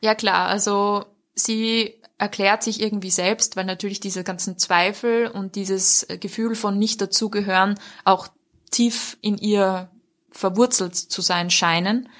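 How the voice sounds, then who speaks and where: A woman's voice: medium pitch, fairly bright tone. A woman discussing a book in a conversational review, fluent and explanatory, with occasional fillers.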